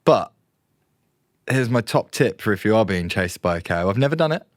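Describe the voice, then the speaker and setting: Lively swearing English podcast co-host. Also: male voice, lowish voice, normal speed, no room sound, clean studio sound. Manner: animated storyteller, swears casually. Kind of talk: casual podcast chat.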